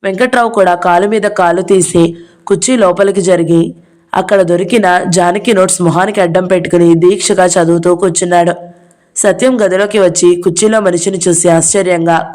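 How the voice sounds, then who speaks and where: A woman's voice: fairly low pitch, steady tone, normal speed, a little mellow. A woman narrating a novel as an audiobook reader, telling the story steadily and voicing all the characters. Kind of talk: novel reading.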